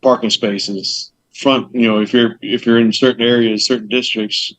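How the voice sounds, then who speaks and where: A dry, dull lo-fi recording catches a man of medium pitch speaking at a moderate pace, his tone level and a bit bright. He's a meadery owner guesting on a casual podcast, rambling chattily about launching his business with loose fillers, lots of side detail and acted-out dialogue.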